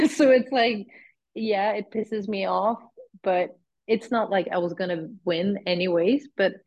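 A young woman, a guest athlete chatting casually and telling an animated story with acted-out dialogue. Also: mid-range voice, measured pace, lo-fi sound. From Sweden. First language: Swedish. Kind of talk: casual chat.

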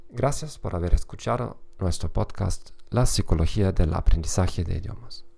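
A man's voice: low voice, moderate pace, gravelly, mellow, slightly rough. A man with a German accent, a native German speaker, hosting a scripted podcast monologue with careful non-native delivery. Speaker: podcast host, psychologist and German teacher.

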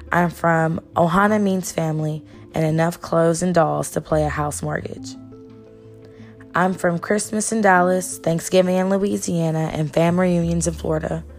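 A young woman from Texas performing a rhythmic, expressive spoken-word poem. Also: fairly low pitch. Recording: soft music behind voice.

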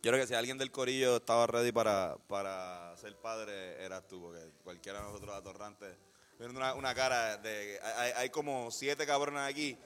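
Joking Puerto Rican podcast co-host. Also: male voice, lowish voice, normal speed, fairly bright tone, clear, resonant tone, long reverb tail. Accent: Puerto Rican Spanish. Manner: joking, swears freely, rambling with restarts. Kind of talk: casual chat.

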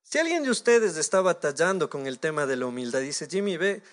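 A man with an Ecuadorian Spanish accent delivers a sermon in a noticeably high voice. He preaches in a lively, animated way, breaking into little acted-out conversations with God. He sounds like a pastor in his thirties. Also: brisk. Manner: animated, acts out imagined dialogues with God.

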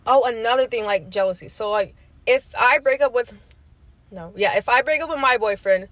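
A woman's voice: fairly high pitch, moderate pace, a bit bright, no room sound. A young woman co-hosting a casual chat, playful and giggly, full of slang. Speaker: co-host. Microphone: camera.

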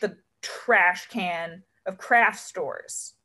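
A woman's voice: lowish voice, extremely slow, pushed and bright. A young woman co-hosting a podcast, chatting casually with sardonic, dramatic rants. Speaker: podcast co-host. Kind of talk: casual chat.

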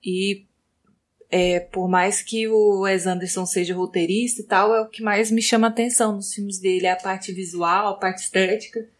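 A woman with a Brazilian Portuguese accent co-hosting a podcast, chatting casually with many fillers and pauses. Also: medium pitch, fairly even intonation. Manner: chatty, filler-heavy, hesitant. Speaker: podcast co-host, designer.

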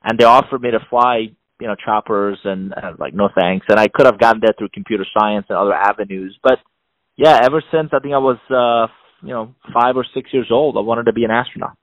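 Speaking a little fast in a fairly low voice, an emphatic middle-aged executive advisor and author from Iran responds to interview questions. He restarts often and repeats words in his animated delivery, and the audio is muffled and dry, without echo.

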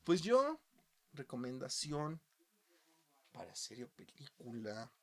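A podcast host with a Mexican Spanish accent and a medium-pitched male voice talks slowly in a casual chat. He is animated and swears a lot, swinging from quiet asides to loud outbursts.

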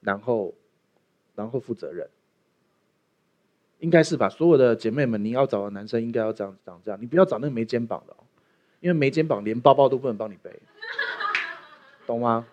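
A man's voice: mid-range voice, expressive, fairly quick, pauses often, darkish tone, muffled recording. A man preaching a sermon as pastor, opening with a prayer and joking with the congregation. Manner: playful, jokey preaching with acted asides.

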